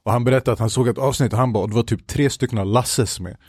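A man's voice: mid-range voice, a little mellow, husky, dry recording, studio quality. Slangy, laid-back guest man. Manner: slangy, mixes in English phrases. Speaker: TV show creator as podcast guest. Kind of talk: casual chat.

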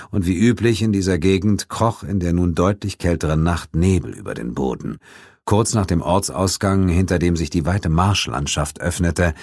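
A man reading an audiobook as its narrator in a measured, even way, close on a studio mic. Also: low voice, breathy edge, no room sound. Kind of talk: scripted narration. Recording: dry studio sound.

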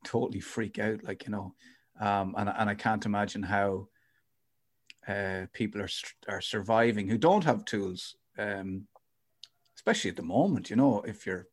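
A man's voice: lowish voice, normal speed. A man hosting a casual podcast interview, informal and rambling as he thinks aloud.

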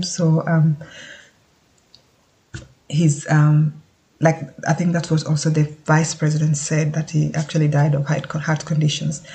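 A speaker talks casually and thoughtfully to the camera, often stopping to search for the right words. The intonation stays flat and level, with little rise and fall. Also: medium pitch. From Kenya. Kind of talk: casual spoken update.

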